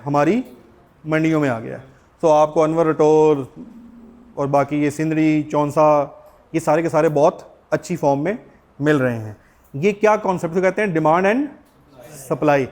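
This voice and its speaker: A man's voice: on the high side, a little mellow. A middle-aged man with a Pakistani accent teaching a class, explaining step by step and putting questions to his students. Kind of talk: classroom lecture.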